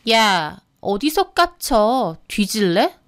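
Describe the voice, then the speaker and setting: A woman's voice: mid-range voice, sing-song, takes it slowly. A woman voicing a young sister-in-law who mocks and threatens with open contempt, in a radio drama. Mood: threatening. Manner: mocking, contemptuous, menacing.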